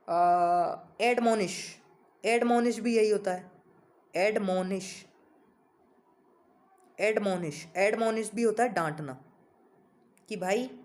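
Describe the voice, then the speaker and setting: In an informal coaching session on English vocabulary, a high-pitched man talks casually with his class and spells the words out one letter at a time.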